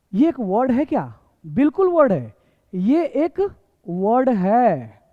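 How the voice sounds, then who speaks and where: A man teaching a basic English lesson, repeating points and asking rhetorical questions. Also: high voice. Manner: repetitive, quizzing with rhetorical questions. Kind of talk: classroom lesson. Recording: echoey hall, tinny phone-like sound.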